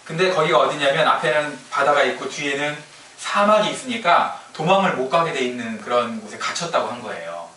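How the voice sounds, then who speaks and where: A man's voice: mid-range voice, lively intonation, brisk, pushed and bright, slight background noise. A man preaching a sermon as pastor, telling the story in a chatty, humorous way, heard echoing from a distance. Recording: echoey room from a distance.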